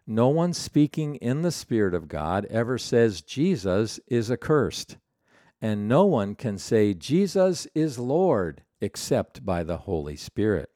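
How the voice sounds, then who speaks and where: A man preaching a sermon in a slow, solemn way, pausing for emphasis. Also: fairly low pitch, very animated, dark tone, no room sound, studio quality.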